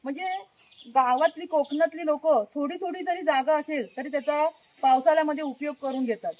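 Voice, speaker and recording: High-voiced chatty woman from Konkan. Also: brisk, darkish tone, low-quality recording. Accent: Konkan Marathi. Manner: chatty, keeps urging viewers to look. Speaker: vlogger. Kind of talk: casual walk-and-show garden vlog. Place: outdoors in a village garden.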